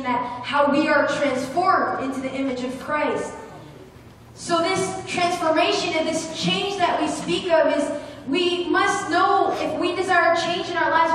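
A woman's voice: high-pitched, fairly bright tone, a little hiss or hum. A young woman preaching a sermon at a lectern with a handheld mic, earnest and gesturing, with fillers and restarts. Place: church hall with brick wall. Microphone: handheld microphone at a lectern, recorded from the room. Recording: echoey hall from far off.

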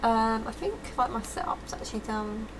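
In a small, cluttered bedroom, a young adult woman livestreams and chats casually with her viewers, tipsy and a bit giggly from drinking. Her voice sits a little high, with flat delivery at a moderate pace, and there's background noise.

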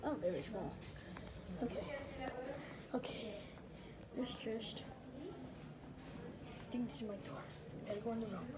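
A woman's voice: mid-range voice, measured pace, pauses often, a loud crowd. A woman narrating a playful self-filmed skit, nervously talking through every step. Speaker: skit maker.

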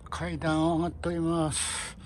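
A man's voice: on the high side, completely flat delivery, normal speed, a crowd in the background. An older man with a Toyama accent casually narrating his walking vlog outdoors, politely addressing viewers as he films on a phone. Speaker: vlogger filming his walk.

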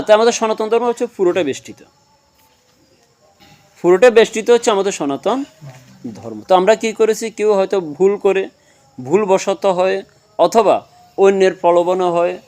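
A religious speaker gives a devotional talk, posing questions to his listeners and answering them himself while explaining through everyday examples. His voice is high and a little mellow.

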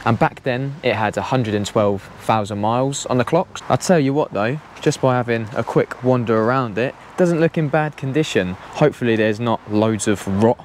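A man's voice: medium pitch, slight background noise. A young man giving a chatty, easygoing walkaround of cars on an action camera outdoors in the rain. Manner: chatty, easygoing, quick laughs. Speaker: car vlogger. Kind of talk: casual walkaround commentary. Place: outdoor car auction yard in rain.

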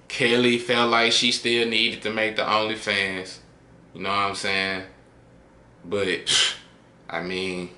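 A man's voice: lowish voice, sharp tone, echoey room. A man hosting a reaction video, talking in loose slangy chat that trails off into a mutter at the ends of lines. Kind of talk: casual reaction commentary.

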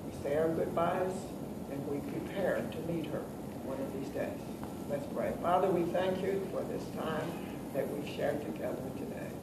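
An older man speaking as a pastor at a graveside committal, solemn and measured, recorded outdoors from a distant camera. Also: a little high. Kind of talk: graveside committal sermon with scripture reading and prayer. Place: outdoor covered committal shelter with stone wall. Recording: echoey, distant, very noisy camera audio.

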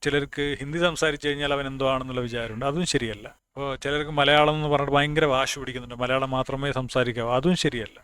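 A man's voice: mid-range voice, steady tone, fast, fairly bright tone, clean tone, dry recording. A man from northern Kerala giving a casual spoken talk, plainspoken and reasoning aloud, often restarting words. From Kasaragod, northern Kerala. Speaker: speaker on language.

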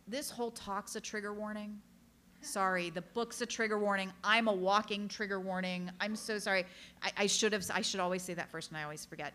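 A woman gives a public author talk with a bright, forceful voice. She tells each case plainly and earnestly, and now and then she breaks off for a quick apology before going on. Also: medium pitch, a little hiss or hum. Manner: earnest, direct storytelling with quick apologetic asides. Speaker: author giving a book talk. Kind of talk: public talk to a live audience.

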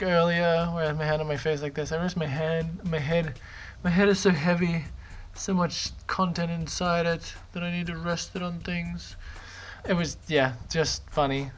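A man's voice: a little high, fairly bright tone. A young man talking casually to his camera in a rambling, self-mocking vlog monologue. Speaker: vlogger.

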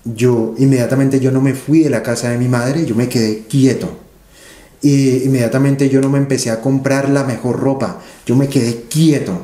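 A man's voice: mid-range voice, fairly even intonation, moderate pace, mellow, roomy sound. A man, an interview guest telling stories animatedly and repeating phrases for emphasis. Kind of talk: conversational interview storytelling.

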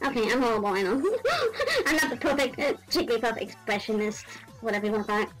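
Female gaming vlogger, bubbly and rambling, high and very animated pitch. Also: fast, soft background music, poor audio. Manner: excitable, giggly and rambling. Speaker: gaming video host. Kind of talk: casual gaming vlog.

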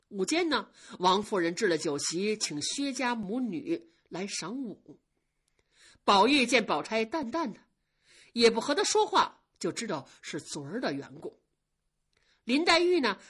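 A woman storyteller narrating a classic novel in traditional Chinese storytelling style, with an expressive, rhythmic delivery. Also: medium pitch, breathy edge.

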